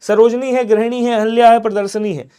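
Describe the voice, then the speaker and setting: A man's voice: very high-pitched, little pitch movement, a little fast, dark tone, clear, resonant tone. A man teaching an online exam-prep Hindi class, walking through answers step by step and putting questions to his students, then answering them himself.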